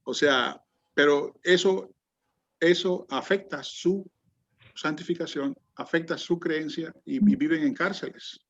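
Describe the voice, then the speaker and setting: A man lectures his Bible class over video call and calls on students, chatting away with plenty of fillers and restarts. His voice sits on the high side with a fairly bright tone and a slightly slow pace. The audio is muffled, lo-fi video call quality.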